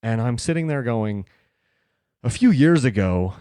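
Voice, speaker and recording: A man hosting a podcast, telling a personal story casually and earnestly, dropping soft and low in tense moments. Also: animated, measured pace, clear, resonant tone, no echo, clean studio sound. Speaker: podcast host.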